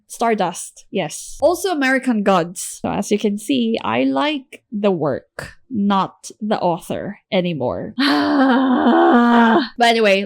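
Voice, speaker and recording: A woman's voice: fairly high pitch, no room sound. A woman chatting casually in a book haul video, chirpy, with playful asides and exclamations. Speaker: book vlogger showing a book haul.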